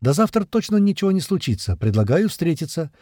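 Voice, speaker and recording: A man doing a calm wistful man. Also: fairly high pitch, brisk, dry recording, studio quality, voice pushed up. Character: wistful man, the hero's other self.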